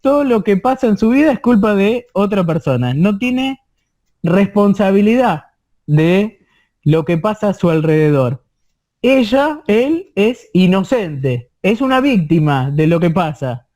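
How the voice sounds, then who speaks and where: A man with an Argentine Spanish accent teaching an online course, explaining slowly with many repetitions and checking in with his listeners. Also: sits high, very animated, a little mellow. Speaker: course instructor.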